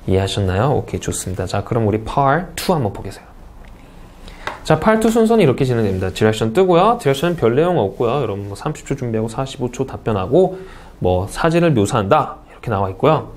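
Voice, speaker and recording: Man, Korean, English test teacher, online lecture, lively, asks questions and answers them, middle pitch. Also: fast. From South Korea. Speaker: English speaking test instructor.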